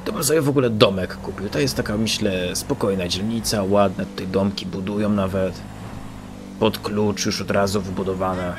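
A man's voice: lowish voice, steady tone, normal speed, noisy background. A man giving joking, mock-boastful commentary while playing a game. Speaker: gameplay commentator. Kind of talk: gameplay commentary. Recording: loud game sounds of engines and sirens.

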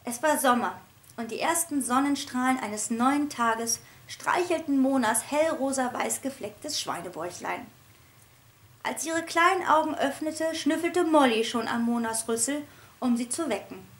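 A woman reads her own children's book aloud in a lively storybook narration. Her voice sits high and stays expressive, with animated shifts in pitch. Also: unhurried.

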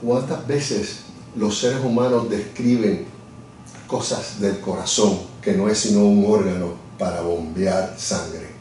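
Speaking slowly in a dark, lowish voice, a middle-aged interview guest, a lawyer and communications director, reflects conversationally from his office desk. He is thoughtful and searches for words, restarting often. The distant mic catches an echoey room with a little hiss or hum.

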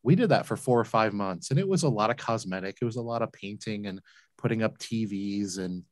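A man's voice: on the low side, lively intonation, fairly quick, dry recording. A man in his forties, a business owner telling his story as a guest on a video call interview, earnest and emphatic, repeating words when moved. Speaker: guest, laundromat entrepreneur. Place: home room, indoors. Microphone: large desk mic with headphones, video call.

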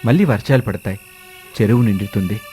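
A man's voice: on the low side, fast talker, warm tone, faint music behind, natural voice. A man voicing a worried village farmer who earnestly pleads with his neighbor in a cartoon story. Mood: hopeful.

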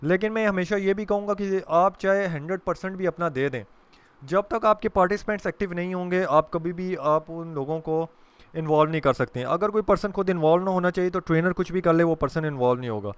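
A man's voice: high-pitched, smooth, dry recording. A young adult man from Pakistan giving a training lecture to camera, explaining patiently with English terms mixed into his speech and occasional fillers. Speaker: corporate trainer.

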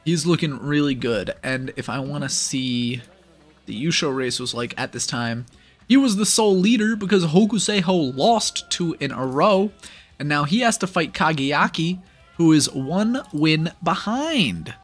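A man's voice: fairly high pitch, animated, a little slow, faint music behind. Upbeat man breaking down sumo bouts. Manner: analytical, upbeat, with playful asides. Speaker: sumo commentator. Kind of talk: casual play-by-play video breakdown.

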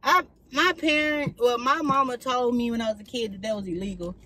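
A man's voice: extremely high pitch, brisk, pushed and bright, rough recording. A young man, chatting and teasing viewers while driving for food delivery in his car. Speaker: vlogger and delivery driver. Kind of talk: casual chat while driving.

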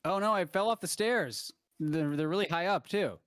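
A man's voice: sits high, moderate pace, a bit bright, no echo, voice pushed up. A man voicing his clumsy in-game character in a whiny, hesitant way.

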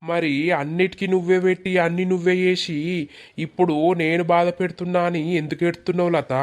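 Performer as a sulking village man in a cartoon, Telangana accent, monotone, reproachful and pleading. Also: medium pitch, close to an everyday voice. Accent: Telangana Telugu. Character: hurt, resentful village man in love. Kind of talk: animated village comedy dialogue.

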